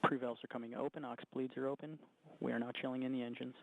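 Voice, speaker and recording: A man giving clipped, matter-of-fact status reports as a launch team operator, heard over a tinny comms loudspeaker. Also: medium pitch, flat delivery, fast, vocal fry. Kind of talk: procedural countdown callouts. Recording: tinny phone-like comms line with faint hiss.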